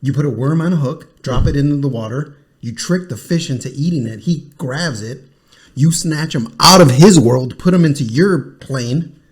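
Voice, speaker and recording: A man's voice: medium pitch, normal speed, breathy edge. A man co-hosting a casual podcast chat, talking in a laid-back, easygoing way. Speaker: podcast co-host.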